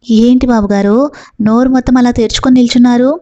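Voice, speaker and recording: A woman reading the lines of a timid, flattering male servant who pleads and fawns. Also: a little high, quick pace, no room sound, muffled recording, close to an everyday voice. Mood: fawning.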